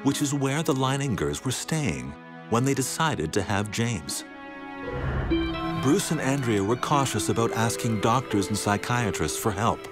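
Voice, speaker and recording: A man reading a scripted documentary narration in a dramatic way, slowing down on key words, with music playing behind him. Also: mid-range voice, lively intonation. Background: background music.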